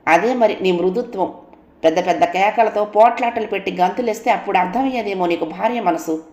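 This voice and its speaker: A woman's voice: medium pitch, a little fast, a little mellow, echoey room, dull audio, natural voice. A woman voicing an indignant elder brother who scolds his sister's husband reproachfully. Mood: scolding.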